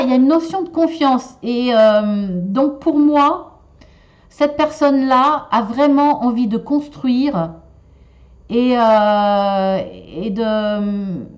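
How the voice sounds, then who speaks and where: Woman doing a card reading, kinda high voice, lots of ums and restarts, dull lo-fi sound. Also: darkish tone. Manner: hesitant, many fillers and restarts. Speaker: tarot and shell reader. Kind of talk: casual spoken reading for viewers.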